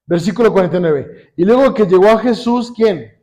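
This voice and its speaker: A man with a Mexican accent preaching a sermon, constantly asking the congregation questions and pausing for them to finish his sentences. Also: sits high, animated, dark tone. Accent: Mexican Spanish. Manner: calls on the congregation with repeated questions.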